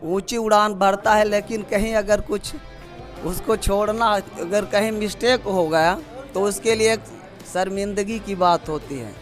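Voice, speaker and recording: A man, a school teacher, explaining his teaching aid at an outdoor fair, slowly and with worked examples. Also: sits high, fairly even intonation, faint music behind. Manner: slow, measured, explains with examples.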